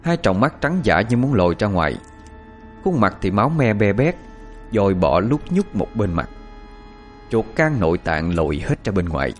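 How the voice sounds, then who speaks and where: A man reads a scripted horror tale with a low voice that rises and falls expressively. Soft music plays faintly beneath. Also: normal speed. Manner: expressive, suspenseful. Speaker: storyteller.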